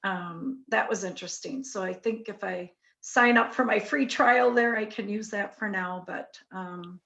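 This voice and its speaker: A woman's voice: mid-range voice, a little slow, vocal fry, a bit bright. A woman chatting casually as a participant on a group call. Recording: muffled, band-limited online call.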